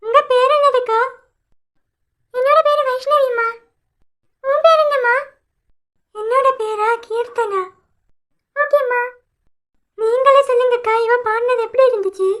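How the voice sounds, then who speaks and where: A woman's voice: extremely high pitch, measured pace, long pauses, a bit bright. A woman voicing bickering, easily frightened young village women in a cartoon, with a Kanyakumari Tamil accent. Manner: squabbling, shrieking.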